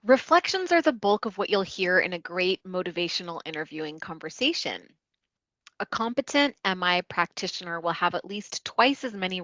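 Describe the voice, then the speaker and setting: A woman's voice: lowish voice, no echo, lo-fi sound. A woman wellness coach giving an instructional talk, explaining a technique step by step and acting out short client quotes. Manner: warm explanatory teaching, acts out client quotes.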